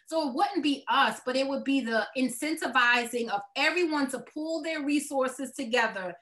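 Brooklyn accent woman doing an interview, bright kinda high voice, earnest, repeats words for emphasis. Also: normal speed. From Brooklyn, New York, United States. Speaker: nonprofit executive, interview guest. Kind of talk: conversational interview answers.

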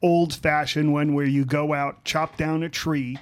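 A man's voice: a little high, little pitch movement, measured pace, smooth. A man hosting a podcast in casual chat, explaining things in a wry way. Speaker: podcast host.

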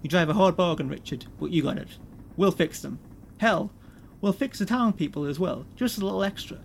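A man's voice: sits high, animated, fairly quick, creaky, slight background noise, pitched above the performer's own voice. A man putting on a smug slick corporate executive. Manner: breezy, condescending, amused.

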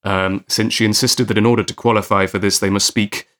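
A man's voice: fairly low pitch, flat delivery, brisk, fairly bright tone. A young man jokily explaining lore as a podcast co-host. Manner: jokey, informative explainer. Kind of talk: casual group chat.

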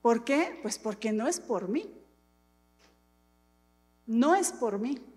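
A middle-aged woman pastor gives an animated, dramatic sermon full of self-mocking humor. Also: a little high, slow. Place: church hall. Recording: long hall reverb.

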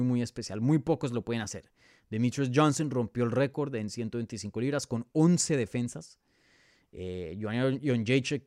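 This Colombian podcast host from Bogotá, an MMA analyst, chats through a casual live sports preview and takes viewer questions, thinking out loud. His mid-range voice is a little mellow and smooth, in a dry, studio-quality recording.

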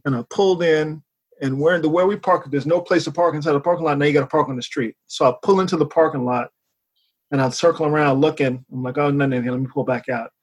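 A man co-hosting a casual chat, telling a story in an animated way, acting out the voices he quotes and swearing often. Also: quick pace, breathy edge. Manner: animated, acts out quotes with big pitch jumps, swears often.

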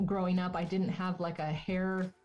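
A woman's voice: on the low side, little pitch movement, normal speed, loud music behind the voice. A woman talking as a podcast guest in casual conversation, chatty and laughing as she tells stories. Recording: dull lo-fi podcast audio.

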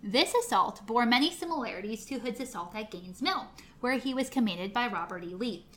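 Higher-voiced woman narrating history in an attic. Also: expressive, a little fast, fairly bright tone. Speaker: history podcast co-host. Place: indoors in the attic of a historic house. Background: air conditioning may be running.

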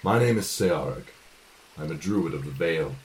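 Guy doing a wise calm elf druid for a fantasy game, low voice, slow reassuring delivery. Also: poor audio. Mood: solemn, reassuring. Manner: measured, solemn, reassuring. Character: serene, sage male elf druid, solemnly hopeful. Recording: faint background noise.

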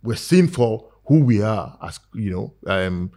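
A man's voice: lowish voice, lively intonation, measured pace, warm tone. A man with a Nigerian accent, speaking as a guest in a casual talk-show discussion, earnest and persuasive, with many fillers and restarts. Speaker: guest advocating for skit makers.

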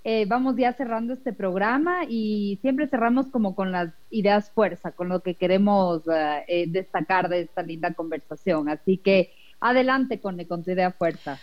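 A woman hosting a parenting talk show, speaking in a measured way as she closes the episode. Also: mid-range voice, dull audio. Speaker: host. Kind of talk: casual radio talk.

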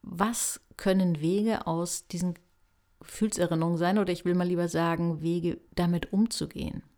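Gentle, low-voiced German podcast woman. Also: fairly even intonation, normal speed. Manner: gentle, reflective, addresses listener directly. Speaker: podcast host. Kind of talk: calm self-help podcast talk.

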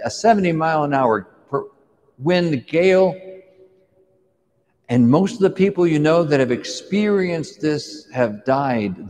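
A man preaches in the second person, walking the listener through a scripture story as if they were there. His voice sits a little high for a man. The sound rings with the long reverb of a large hall. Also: a little mellow. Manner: vivid second-person retelling, drawing the listener into the scene. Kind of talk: dramatic sermon storytelling.

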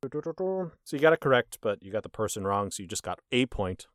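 Brief: male podcast host, smooth resonant voice, dry close sound, wry quizmaster delivery. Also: fairly low pitch, very animated, normal speed, no echo. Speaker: quiz host of a movie podcast. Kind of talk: casual podcast chat.

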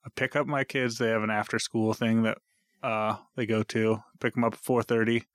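A man in his thirties co-hosts a podcast, chatting casually in a rambling, jokey way and often interrupting himself. His lowish voice is flat at normal speed. It's a dry, studio-quality recording made on a podcast recorder.

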